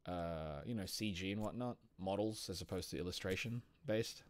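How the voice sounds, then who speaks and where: A man's voice: low-pitched, normal speed. A man in casual stream chat who acts out imagined reactions. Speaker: stream co-host.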